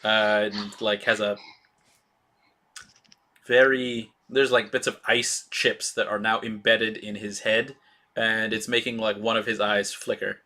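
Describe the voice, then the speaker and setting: A man running a tabletop role-playing game as game master, describing scenes in a halting way with many fillers. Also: fairly low pitch, little pitch movement, pushed and bright.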